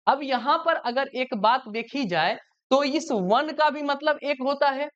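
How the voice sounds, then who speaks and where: A woman's voice: sits high, a little slow, highs cut off. A woman teacher giving a grammar lesson to children, asking questions and then answering them herself.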